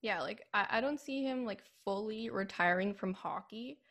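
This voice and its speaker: A woman's voice: mid-range voice, moderate pace, fairly bright tone. A young woman co-hosting a hockey radio show, talking in an easygoing way and often saying "like". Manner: easygoing, leans on "like" as a filler. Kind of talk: casual sports chat.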